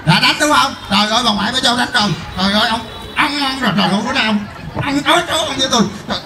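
A man playing a loud, jealous wife who wails and scolds while hunting down her drunk husband in a live comedy skit. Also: very high-pitched, very fast, echoey room. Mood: shrieking. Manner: wailing, scolding, crying out to the crowd.

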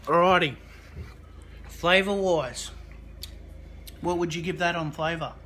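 Bright-voiced young man reviewing hot sauce. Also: on the high side, takes it slowly, breathy edge. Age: 20s. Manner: chatty, upbeat, loose and unscripted. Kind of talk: casual review vlog.

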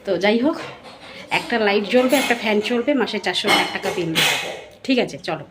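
A woman's voice: mid-range voice, animated, fast, heavy background noise. A woman vlogger from India chatting casually to her viewers while walking wet streets and visiting a shop. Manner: chatty, addresses viewers as friends. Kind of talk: casual vlog narration.

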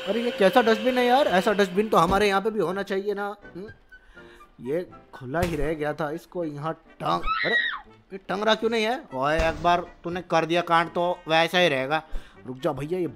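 A young man hosting comic gameplay commentary, excitable and full of banter, switching between two bickering voices. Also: high voice. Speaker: gaming channel host.

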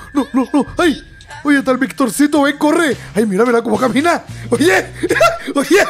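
High-voiced excitable young man gaming. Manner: excitable, laughs often, yelps and exclaims at scares. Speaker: gaming YouTuber. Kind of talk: excitable let's-play commentary.

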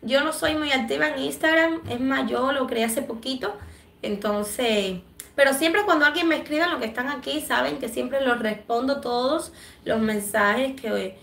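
A Cuban woman with a Cuban Spanish accent, hosting a livestream and reading viewer comments in a chatty, affectionate way, clearing her throat from allergies. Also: sits high, unhurried, fairly bright tone, reverberant. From Cuba. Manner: chatty and affectionate, many fillers. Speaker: livestream host.

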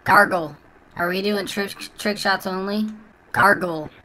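A bratty little kid gamer who trash-talks and goads nonstop, a man putting it on through a voice changer. The filtered voice is bright and sharp-edged, with a faint hum of room noise behind it. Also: high-pitched, steady tone, a little slow, low-quality recording. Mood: taunting. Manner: taunting, crude, goading. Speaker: prank gaming video host. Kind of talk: trolling voice chat during an online game.

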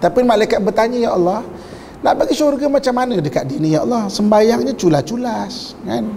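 A male preacher, telling a story to a live audience in a lively, joking way. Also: high-pitched, brisk, gravelly, big-room sound, a little hiss or hum.

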